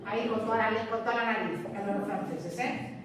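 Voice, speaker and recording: A woman's voice: mid-range voice, a little fast, a crowd in the background. Woman teaching in an echoey classroom. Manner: chatty, peppered with checks for understanding. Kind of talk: classroom lecture. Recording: distant mic in an echoey classroom.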